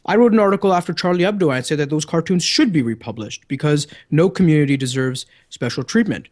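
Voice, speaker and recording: A man's voice: fairly high pitch, animated, fast talker, a little mellow. A man with a Canadian accent, a guest on a podcast, arguing his case insistently. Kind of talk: debate-style interview.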